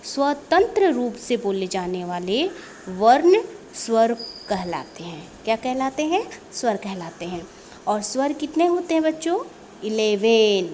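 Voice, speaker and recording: A woman teaching young children a lesson, speaking slowly, repeating each word and mixing in English terms. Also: on the high side, very animated, a little mellow, a little hiss or hum. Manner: slow, repeats words and mixes in English.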